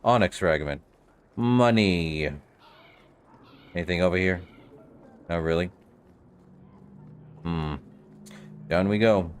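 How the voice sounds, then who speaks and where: A man's voice: low voice, slow, pauses often, slight background noise. A man doing casual let's-play commentary, offhandedly reacting and muttering to himself as he plays. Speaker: game streamer.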